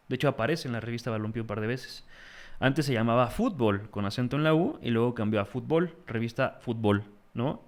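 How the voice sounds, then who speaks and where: A young man with a Mexican accent, a guest in a casual interview, telling stories in an animated, slangy way. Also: mid-range voice, smooth. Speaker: guest, magazine founder.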